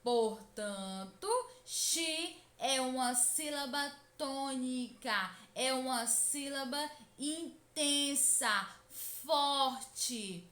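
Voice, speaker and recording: A woman, teaching a lesson to children, speaking deliberately, repeating instructions and stretching words out. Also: high-pitched, sharp tone, roomy sound.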